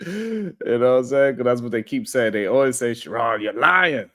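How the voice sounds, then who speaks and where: A man's voice: mid-range voice, very animated, fairly quick, a little mellow. A man hosting a casual livestream, talking loosely and rambling as he greets viewers in the chat and chuckles often.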